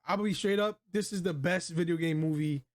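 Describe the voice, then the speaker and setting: The host of a video game movie review show, a man, leads a casual movie review chat in a slangy, emphatic, opinionated style. His voice is fairly high-pitched and brisk.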